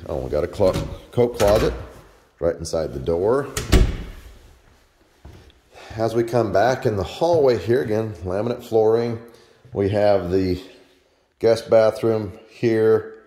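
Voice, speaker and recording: A real estate agent with a fairly low voice narrates a casual walkthrough of an empty house, filmed on a handheld phone camera. He is relaxed and plainspoken, pausing often and using fillers, and the empty rooms echo around him.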